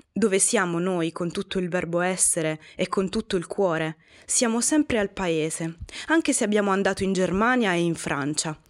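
A woman as a kind, gentle emigrant man. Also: on the low side. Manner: gentle, earnest, slow. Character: kind, humble male emigrant worker.

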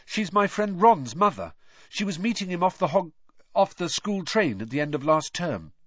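A man's voice: high voice, big pitch swings, moderate pace, no echo, muffled recording, voice pushed up. A man voicing a careful, polite teenage boy. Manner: careful, trying to sound innocent.

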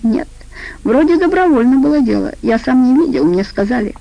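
A woman reading an audiobook voices a cowardly, fawning man with a squeaky, nervous, ingratiating way of talking. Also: animated, a little fast, creaky, no echo, muffled recording.

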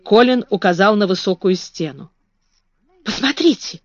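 A woman narrating a children's storybook in an expressive reading voice. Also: medium pitch, normal speed, dry recording, dull audio. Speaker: audiobook reader.

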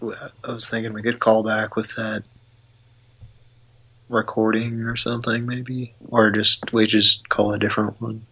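A man with a low, husky voice that stays fairly flat, yet with a bright, edgy tone. He hosts a prank call stream in a relaxed, hesitant way, trading dry remarks with his co-host. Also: measured pace, rough recording. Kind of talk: casual livestream chat.

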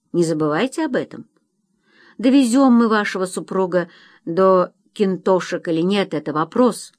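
A man's voice: sits high, dry recording, clean studio sound. A male audiobook reader voicing a blunt, weary army doctor who speaks soberly about the danger. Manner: sober, matter-of-fact. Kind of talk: audiobook narration with voiced quotes.

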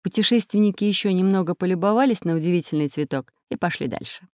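A narrator reading a children's storybook aloud in a steady, expressive way. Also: mid-range voice, fast, no echo, studio quality. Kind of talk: audiobook narration.

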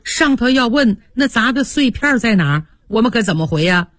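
Brief: woman as level-headed maid, even and reasonable. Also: a little high, a little fast, no room sound, studio quality. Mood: soothing.

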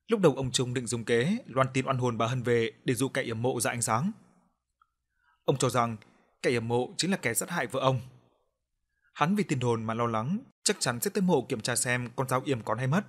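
A man narrating a spooky village story in steady storytelling for an audiobook. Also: mid-range voice.

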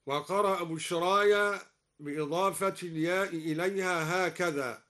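A man teaching the variant readings of the Quran in formal classical delivery, explaining each point and then slowing into melodic chanting of the verse. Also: sits high, fairly bright tone. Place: radio studio.

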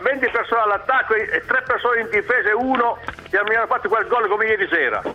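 A man's voice: high-pitched, fast talker. A man calling in over the phone to a radio show, insisting and repeating his point in casual chat. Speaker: caller. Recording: dull lo-fi phone line.

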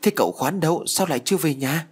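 A man's voice: a little high, quick pace, slightly rough, voice pushed up. A man voicing a worried middle-aged father who asks urgent questions. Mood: alarmed.

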